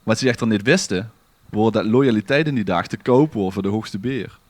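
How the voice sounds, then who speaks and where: Reading from a script, this podcast storyteller delivers dramatic, literary narration in a theatrical style, his accent Limburgish Dutch. He speaks at a normal speed in a lowish voice, and the recording has no room sound.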